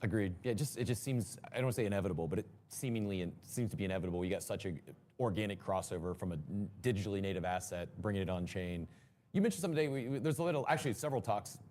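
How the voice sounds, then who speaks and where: A man hosting a live conference interview show, talking at a brisk clip. His questions tumble out with restarts and energetic asides. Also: on the low side, slight background noise. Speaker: podcast host.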